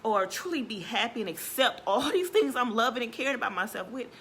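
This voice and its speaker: A woman's voice: fairly high pitch, animated, fairly quick, a bit bright, a little hiss or hum. A woman giving an earnest, casual motivational talk on a live stream. She often asks viewers "right?" and greets them by name between points. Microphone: phone or webcam for a social media live video.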